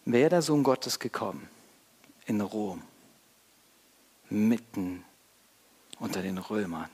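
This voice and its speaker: A man's voice: fairly low pitch, lively intonation, slow pace, darkish tone, breathy edge. A man preaching a sermon as pastor, earnest and speaking straight to his congregation with questions. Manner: earnest, addresses congregation directly with rhetorical questions. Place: church. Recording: long church reverb.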